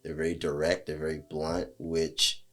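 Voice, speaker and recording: A man's voice: rumbling low, monotone, moderate pace, a bit bright. A man from New Jersey hosting a casual conversation in a friendly way, with plenty of fillers. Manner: friendly, fillers, talks it through. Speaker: podcast host. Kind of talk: casual chat.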